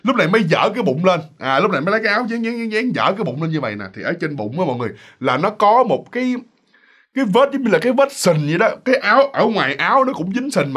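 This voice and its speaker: A man tells a ghost story to his listeners. His voice sits high and swoops through a wide range as he chats along, and he slips into the voices of the people in the story. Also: breathy edge. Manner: chatty and animated, addresses listeners directly, acts out voices.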